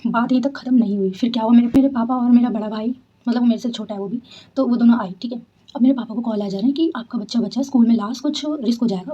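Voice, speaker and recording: Young woman vlogging at home, kinda high voice, dull lo-fi sound, super quick storytelling. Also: husky. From Delhi, India. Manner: chatty, animated, often says "theek hai". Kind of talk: casual storytelling to camera. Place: at home at night.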